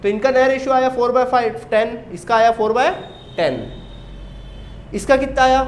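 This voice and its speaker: High-voiced Indian man teaching. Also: fairly even intonation, moderate pace, slight background noise. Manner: asks rhetorical questions and answers them himself; explains step by step while writing on a board. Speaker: commerce teacher. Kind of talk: classroom lecture. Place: coaching classroom. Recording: echoey classroom.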